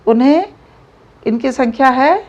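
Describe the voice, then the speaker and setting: A woman teacher giving a grammar lesson, explaining slowly and repeating examples aloud. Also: high voice, expressive, darkish tone. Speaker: Hindi teacher. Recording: dull lo-fi recording.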